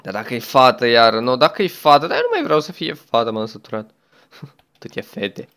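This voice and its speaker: A man's voice: mid-range voice, very animated, fairly bright tone. A young man chatting his way through a game as a gaming YouTuber, exclaiming often and talking to the game and a friend. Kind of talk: let's play commentary.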